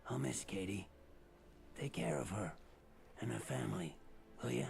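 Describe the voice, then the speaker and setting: An actor playing a theatrical ghoul man in a video game, with a raspy voice and a grandiose way of talking. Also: fairly low pitch, normal speed, darkish tone, faint music behind. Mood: resigned, wistful. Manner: grandiose and theatrical, dropping into weary plain talk. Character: theatrical ghoul man posing as pompous alien interloper-hunter. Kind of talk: video game character dialogue.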